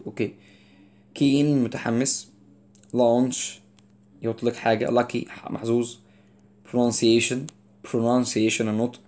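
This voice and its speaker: An Egyptian man in his young adult years runs through an English word list. He says each word, then explains it in relaxed everyday Arabic. His loudness swings between lively, louder stretches and softer, quieter ones. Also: mid-range voice. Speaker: English teacher. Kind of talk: vocabulary lesson.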